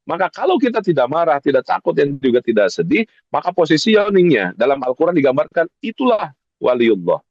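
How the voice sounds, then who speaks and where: A man's voice: on the high side, gravelly, dry recording. A male Islamic preacher, giving an emphatic sermon that repeats key phrases and speaks straight to the congregation. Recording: dull lo-fi recording, dry.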